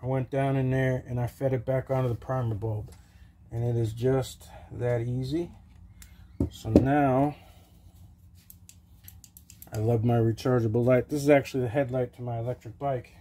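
A man's voice: medium pitch, steady tone, moderate pace, pauses often, noisy background. A middle-aged man casually talking through a repair step by step at his workshop bench, in a plain and practical way with frequent "okay"s. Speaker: small-engine repair host. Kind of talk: casual how-to narration while working. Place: home workshop bench, open to the outdoors.

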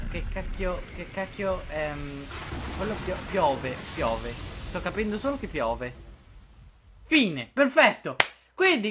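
A man giving excitable, joking commentary over a video game, reading subtitles aloud and exclaiming often. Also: high voice, background noise. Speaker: gameplay commentator. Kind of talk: casual let's-play commentary.

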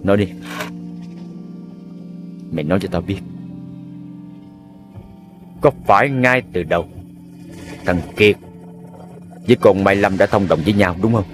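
A man's voice: low voice, unhurried, long pauses, faint music behind. An actor playing a ruthless male gang boss who interrogates his captives in a menacing, taunting way.

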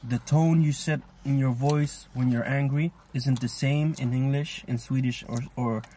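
A man's voice: medium pitch, steady tone, unhurried, warm tone, a little hiss or hum. A man co-hosting a food vlog, musing at length in a loose, thoughtful way with lots of fillers. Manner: thoughtful, rambling, many fillers. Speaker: co-host. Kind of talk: casual chat while eating.

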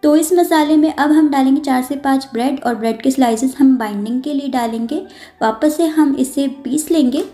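A woman, host of a cooking channel, narrating a recipe step by step in a calm, instructive voice-over, repeating and clarifying each step. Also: sits high, moderate pace, faint music behind.

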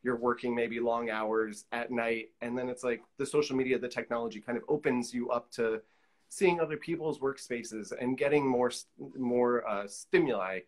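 A collage artist in his forties joins a video call interview from a small indoor room with pictures pinned up. His medium-pitched voice is fairly even at a moderate pace, and he chats casually, dropping in plenty of "you know" asides.

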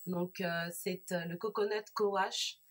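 A woman vlogger talking casually about hair products she bought, pausing often with fillers and restarts. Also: lowish voice, steady tone. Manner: hesitant, many fillers and restarts. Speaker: beauty vlogger. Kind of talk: casual product haul review.

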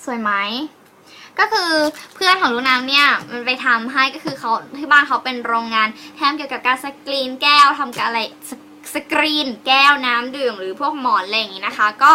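A young woman chats fast and playfully as she shows off phone cases for sale, giggling now and then. Her voice sits high and sounds very bright. It was recorded on a phone camera, with a faint hiss behind it. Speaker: online seller vlogger. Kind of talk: casual phone-case selling vlog.

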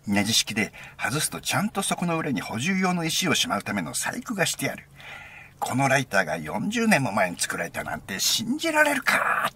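A man voicing an excited young male student who gushes in a loud, rapid rush, with an Osaka accent. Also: high voice, vocal fry, breathy edge, voice pushed up, heavily acted.

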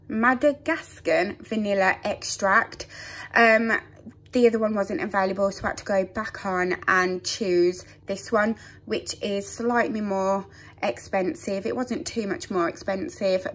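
A young woman and mother chatting casually through her grocery haul in a home kitchen, filling pauses with "um" and joking about her own laziness. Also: fairly high pitch. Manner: chatty, self-deprecating, many "um" fillers. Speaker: vlogger, mother.

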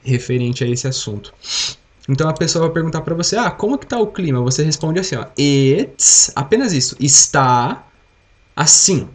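A young Brazilian man with a Brazilian Portuguese accent teaches English on a live stream, his slightly high voice expressive and at normal speed. He explains patiently, drills vocabulary, and has the class repeat words after him.

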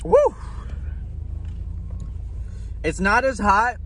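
A man's voice: a little high, expressive, normal speed, a bit bright. A man in his twenties chatting casually for an eating-challenge vlog, exclaiming between bites with his mouth burning from spicy food. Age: 20s. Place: inside a parked car. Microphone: phone at arm's length. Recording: car cabin noise, handheld phone.

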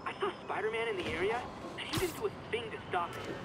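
A ranting caller over a clipped phone line. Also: male voice, extremely high pitch, huge pitch swings, fast, exaggerated voice. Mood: indignant. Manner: rambling, indignant complaining. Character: agitated adult male radio caller. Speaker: caller to a talk radio show.

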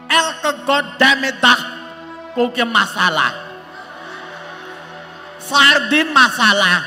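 Man doing a bossy mother-in-law, Surinamese Dutch accent, high bright voice, slow scolding, long hall reverb, music behind. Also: full character voice. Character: strict older mother-in-law, bossy and scornful. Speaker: stage actor. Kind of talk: live stage comedy. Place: large concert hall stage.

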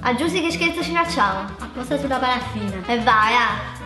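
A woman's voice: fairly high pitch, animated, a little fast. A young woman chatting casually as a co-host. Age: young adult. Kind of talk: casual chat. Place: furnished living room at home. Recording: echoey room with music. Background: background music.

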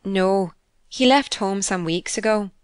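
A woman reading an audiobook, voicing a modest young governess who speaks politely and quickly. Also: mid-range voice, clean tone, no echo, studio quality, lightly acted. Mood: demure.

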